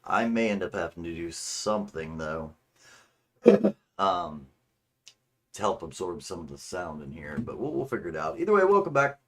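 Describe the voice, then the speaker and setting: A man with a fairly low voice talks casually to his livestream viewers as a gaming host. His delivery is informal, rambling and a little crude. The microphone gives him a tinny, faintly echoing sound from an untreated room. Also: lively intonation, measured pace, pauses often, breathy edge. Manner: informal, rambling, mildly profane. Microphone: streaming microphone. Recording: tinny, slightly echoing streaming mic.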